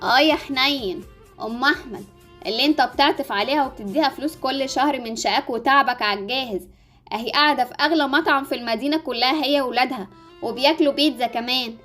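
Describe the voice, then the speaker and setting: Woman as sly, mean Egyptian wife in a game cartoon, high and brisk, light music underneath. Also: sharp tone. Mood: spiteful. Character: scheming, spiteful young wife who nags her husband. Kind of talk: amateur game-animation story acting.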